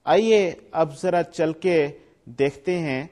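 A man's voice: a little high, darkish tone. A man giving a recorded lecture. He explains step by step, mixes in English technical terms and reads his examples aloud with stress.

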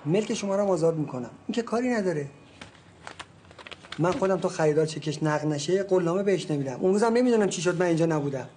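High-voiced, blustering middle-aged property agent, placating then menacing. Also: male voice, expressive, darkish tone, slight background noise. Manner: soothing, then blustering and threatening. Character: blustering middle-aged male real estate agent, father. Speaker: real estate agent.

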